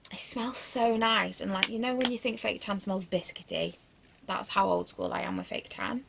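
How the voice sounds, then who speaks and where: Chatty woman with vocal fry. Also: mid-range voice, fairly even intonation, normal speed, background noise. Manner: rambling and chatty, lots of fillers and restarts; self-deprecating asides. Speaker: beauty vlogger. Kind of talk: casual product review chat.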